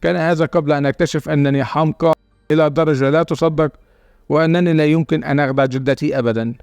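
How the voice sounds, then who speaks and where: Brief: male story narrator, slightly high, dry close sound, steady dramatic reading. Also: fast talker, vocal fry, dry recording, faint music behind. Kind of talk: scripted first-person story narration.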